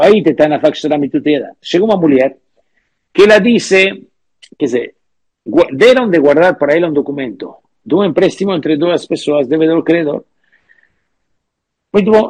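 Husky high-voiced man teaching a text. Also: darkish tone, no room sound. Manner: reads out source phrases then explains them; halting, many restarts. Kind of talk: religious text lesson.

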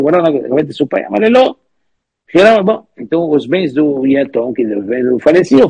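A man teaching a religious text lesson, reading out source phrases and explaining them with halting restarts. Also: a little high, a little mellow, husky, dry recording.

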